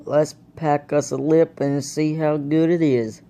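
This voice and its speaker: A young man with a dark, mellow voice talks slowly and loosely to the camera, rambling and calling out to his viewers, hiccuping now and then. A faint room hum sits behind him. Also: on the high side, flat delivery, vocal fry. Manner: laid-back, rambling, addresses viewers as guys. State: has the hiccups. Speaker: vlogger reviewing dip tobacco. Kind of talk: casual vlog chat. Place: indoors at home, camera propped on a blanket.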